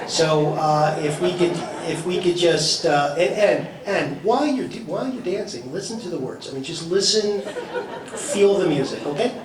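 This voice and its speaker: Playful emcee man in an echoey hall. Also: on the high side. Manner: playful, self-mocking, halting restarts. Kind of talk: joking stage patter. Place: large event hall. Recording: echoey hall from far off, crowd noise.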